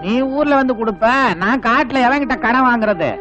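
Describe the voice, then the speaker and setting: A man's voice: extremely high pitch, lively intonation, a little fast, dull audio, over music. An actor playing a greedy, money-minded male guru who talks to pilgrims with scorn, in 1980s film dialogue. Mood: scornful. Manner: scornful, mocking.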